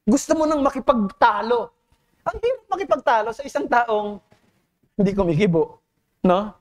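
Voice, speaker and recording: A man's voice: very high voice, lively intonation, moderate pace. A man with a Filipino accent preaching a sermon as pastor. He mixes Tagalog and English and keeps asking the congregation rhetorical questions in an earnest, teacherly way. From Philippines.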